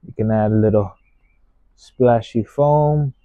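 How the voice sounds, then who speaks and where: A man giving an unscripted painting tutorial as a gentle, unhurried instructor, musing aloud in short phrases. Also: lowish voice, dry recording, narrow, tinny audio.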